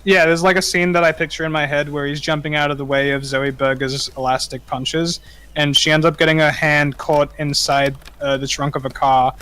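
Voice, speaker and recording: A man's voice: on the high side, level tone, moderate pace, pushed and bright, clean tone. A man streaming live, chatting loosely about his drawing ideas, with frequent chuckles. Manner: rambling and chuckling, often reading aloud. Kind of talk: casual chat on a live stream.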